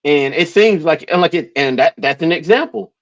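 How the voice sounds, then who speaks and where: Animated storytelling man, somewhat high. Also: normal speed, dull audio. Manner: animated storyteller, laughs often. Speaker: podcast co-host. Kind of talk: casual chat.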